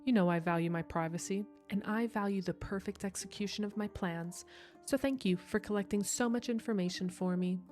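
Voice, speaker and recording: A woman voicing a scheming villain who spins threads of fate, with a cool, mocking, measured delivery, as she reads visual novel dialogue. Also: mid-range voice, a little mellow, soft background music, natural voice.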